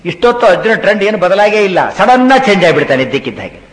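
A man giving a storytelling religious discourse, slowly chanting Sanskrit verses between lively retellings. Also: high voice. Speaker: religious lecturer. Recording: echoey hall with long reverb.

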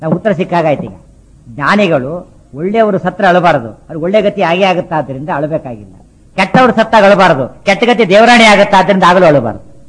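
A man giving a spiritual discourse on scripture, repeating his points, asking rhetorical questions and chanting verses slowly. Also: high voice, expressive, poor audio. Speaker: religious speaker.

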